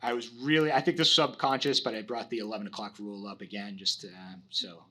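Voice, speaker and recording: A man's voice: lowish voice, fairly even intonation, fast, sharp tone. A man on city staff explaining council rules at an orientation in a council chamber, with many ums. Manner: explanatory, filler-heavy with frequent um. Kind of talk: orientation briefing.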